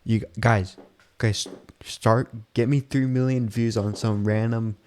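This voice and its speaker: A man's voice: medium pitch, steady tone, unhurried, darkish tone. A sleep-deprived, tired man giving casual, off-the-cuff reaction commentary with slangy, repetitive exclamations. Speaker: reaction video host.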